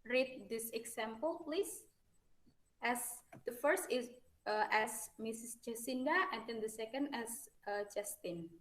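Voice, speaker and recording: Woman teacher, classroom lesson, slightly high, echoey room. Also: animated, measured pace, fairly bright tone. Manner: reads example dialogues aloud, many fillers and "and then". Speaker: English teacher.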